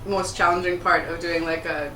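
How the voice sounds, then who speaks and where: A woman's voice: fairly low pitch, fairly even intonation, normal speed, bright, forceful tone. Giggly Canadian woman chatting at dinner. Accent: Canadian English. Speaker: guest. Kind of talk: casual chat over a meal. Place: restaurant. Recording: echoey room, mic at a distance, faint noise.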